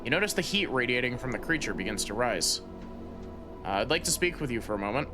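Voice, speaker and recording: A man's voice: mid-range voice, big pitch swings, fast. A man streaming a fantasy game, casually reading the on-screen text aloud with hesitant fillers. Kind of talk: let's play commentary, reading game text. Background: game music.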